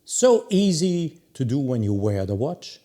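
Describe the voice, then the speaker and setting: A man's voice: mid-range voice, sing-song, dark tone. A man reviewing a watch, opinionated and emphatic. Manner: opinionated, emphatic, drawn-out pauses. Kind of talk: product review talk.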